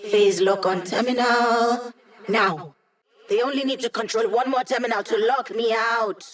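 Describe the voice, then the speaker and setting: A woman's voice: on the high side, unhurried, natural voice. A woman voicing a digitized young female hacker in a video game, a wry, upbeat ally with casual, techy chatter. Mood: focused, informative.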